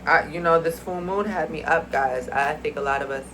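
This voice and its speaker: A spiritual card reader rambles through a casual reading at a moderate pace, her middling voice a bit congested. The chatty talk wanders in a loose, mystical way and keeps turning to viewers as y'all, with faint noise behind it.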